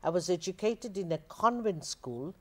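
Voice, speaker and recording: Low-voiced older woman, measured and calm. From Zambia. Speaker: guest, spiritual teacher. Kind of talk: calm interview answers. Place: TV studio, indoors.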